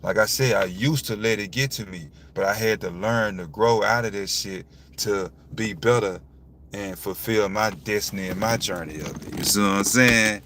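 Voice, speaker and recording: A man's voice: on the low side, normal speed, fairly bright tone, slight background noise. A young man talks frankly and with animation about his father, often asking "you see what I'm saying". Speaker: vlogger. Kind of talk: casual talk to camera.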